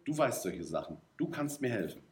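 A man's voice: fairly low pitch, big pitch swings, a little fast, a little mellow, slight background noise. A man voicing an earnest, awkward young schoolboy in a read-aloud story, in a slightly raised voice. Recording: roomy echo.

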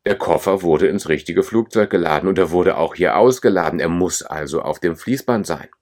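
A man's voice: low-pitched, brisk, darkish tone. A man voicing a friendly, helpful young airport clerk in a storybook, read plainly. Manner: read plainly in the narrator's own voice.

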